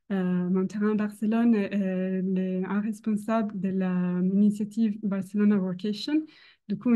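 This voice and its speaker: A young woman with a foreign accent, a non-native speaker, gives an academic presentation hesitantly, often pausing to search for words. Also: medium pitch, mellow. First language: not French. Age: young adult. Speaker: doctoral researcher presenting.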